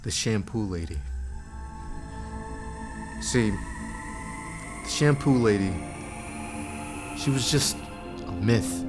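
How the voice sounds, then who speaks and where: A man tells a spooky childhood story in a TV studio, his pitch swinging up and down as he goes. He rambles casually and jokes along, with music playing behind him. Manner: rambling, lots of "like", animated and jokey. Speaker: community storyteller. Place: community TV studio.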